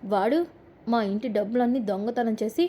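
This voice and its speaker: A woman voicing an angry, domineering middle-aged mother-in-law who scolds and insults loudly. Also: a little high, steady tone, moderate pace, close to an everyday voice. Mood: scolding.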